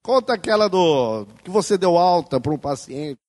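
A man with a fairly high voice and a Brazilian Portuguese accent gives a seminar talk. He speaks steadily and teases his co-presenter. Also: expressive, moderate pace, darkish tone, big-room sound. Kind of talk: lecture talk.

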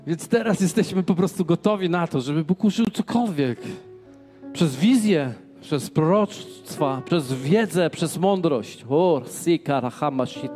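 A man preaching a charismatic church sermon, swinging from loud proclaiming shouts to quiet prayer. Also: on the high side, animated, measured pace, faint music behind. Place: church service with a band.

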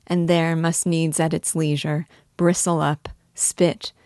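A woman reading a classic novel aloud in a measured, earnest storytelling manner. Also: low-pitched, flat delivery, darkish tone, dry recording, clean studio sound. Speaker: audiobook narrator. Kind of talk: scripted narration.

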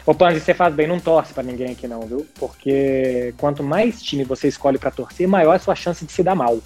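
Male sports podcast host, chatty, warm-toned higher pitch, soft music underneath. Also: brisk. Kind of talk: casual sports talk.

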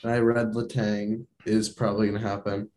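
A man co-hosting a casual hockey podcast, speaking in a slightly low voice. He keeps an easygoing, joking manner. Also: little pitch movement, fairly quick, a little mellow, a little hiss or hum. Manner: laid-back, joking, trails off into laughter. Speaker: podcast co-host. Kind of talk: casual sports chat.

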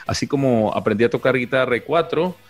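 A man's voice: mid-range voice, fairly quick, faint music behind. A man talking casually on a podcast, hesitant and full of repeated words and fillers. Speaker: podcast co-host. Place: living in England.

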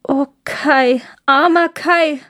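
A woman's voice: high voice, sing-song, normal speed, darkish tone, voice pushed up. A woman voicing a timid, frightened little girl who asks anxious questions in a storybook reading. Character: small frightened girl Gerda.

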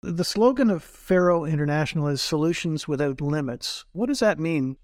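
A man's voice: a little high, lively intonation, moderate pace, a little mellow, no echo, studio quality. A man hosting a podcast interview, friendly, summing up the guest's points and asking questions. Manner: friendly, sums up and asks questions. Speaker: podcast host.

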